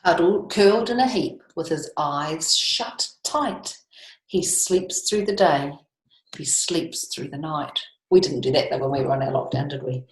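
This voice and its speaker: A woman with a New Zealand accent and a deep voice reads picture books aloud to young children as a storytime reader. Her delivery is expressive and sing-song, sprinkled with chatty asides, and the room sounds echoey.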